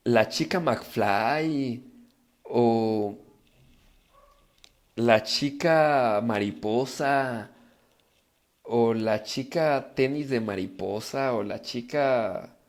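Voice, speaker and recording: A man giving an emphatic, animated live talk as a personal growth speaker, reading viewer comments and speaking directly to his audience. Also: mid-range voice.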